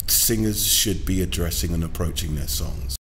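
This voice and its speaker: A British man coaching singing, breaking down a performance line by line in a measured way, with frequent pauses and short sung examples. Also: low voice, a bit bright, slight background noise. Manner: measured, many "um"s, sings short demo phrases. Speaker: vocal coach. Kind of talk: singing lesson analysis.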